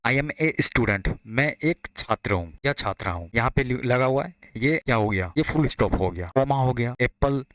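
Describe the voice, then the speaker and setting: A man giving a lecture, explaining in Hindi and reading out English definitions slowly. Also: medium pitch, a bit bright, no room sound. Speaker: teacher. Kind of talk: classroom lecture.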